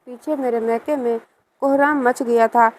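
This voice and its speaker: A woman telling a scripted first-person story with a steady, even delivery. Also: on the high side, a little hiss or hum, poor audio.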